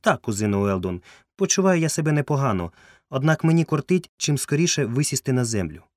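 A man's voice: medium pitch, big pitch swings, brisk, dry recording, pitched above the performer's own voice, lightly acted. A man voicing a fussy, eccentric male entomologist, pedantic and easily indignant, in a dry, close recording.

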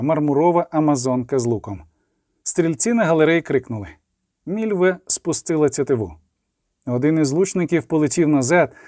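Male audiobook narrator, fantasy, mellow warm tone, dry close studio sound. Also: a little high, no room sound.

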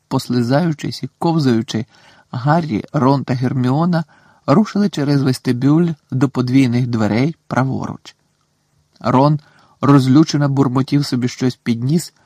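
A man reading a storybook aloud in steady, expressive scripted narration. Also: mid-range voice, no room sound. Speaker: audiobook narrator.

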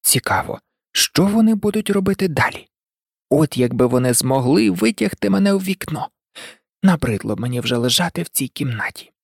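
A curious young girl talking herself through her thoughts, read by a woman. The voice sits low but moves a lot. The sound is dry and close. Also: animated, moderate pace, creaky, breathy edge, dry recording, heavily acted. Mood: musing. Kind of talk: audiobook character voice.

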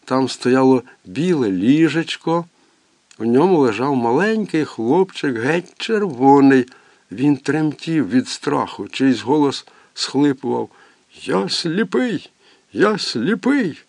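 A man reads a literary novel aloud in a measured, expressive way. His voice sits at an ordinary middle pitch. The recording is dry and close, with no room sound. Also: dry recording. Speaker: audiobook narrator. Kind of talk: literary audiobook narration.

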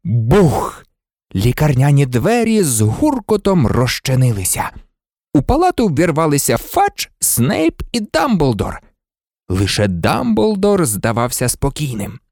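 A man narrating an audiobook in a dramatic, expressive way. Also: medium pitch, slow pace, no room sound, clean studio sound. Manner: dramatic, lively.

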